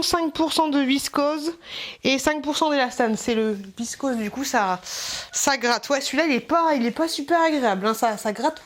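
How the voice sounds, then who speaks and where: A young woman chatting casually as she shows a clothing haul. She rambles, laughs often and turns aside to talk to her baby. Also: high-pitched. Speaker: mom vlogger showing a clothing haul.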